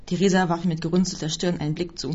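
A woman reading a first-person story aloud as scripted narration, with a husky voice. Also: on the low side, level tone, very fast, darkish tone. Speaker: audiobook reader. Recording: dull lo-fi recording.

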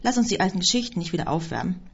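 A woman's voice: lowish voice, sing-song, rapid-fire, creaky, breathy edge, heavily acted. A woman reading as a possessive, controlling husband. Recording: dull lo-fi recording.

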